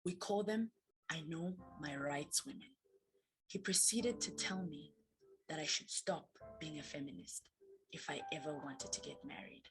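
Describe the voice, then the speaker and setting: A woman's voice: low voice, unhurried, rough recording. A woman from Zambia reading her own reflective personal story as recorded narration. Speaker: student storyteller. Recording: narration with faint background music.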